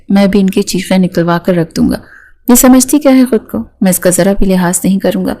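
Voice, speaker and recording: Woman narrating a romance novel, mellow. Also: mid-range voice. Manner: steady storytelling, voicing each character in turn. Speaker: audiobook narrator.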